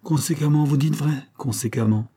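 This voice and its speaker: A man reading an audiobook, voicing a proud, plain-spoken working man in a steady, earnest voice. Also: fairly high pitch, normal speed, breathy edge, pitched above the performer's own voice.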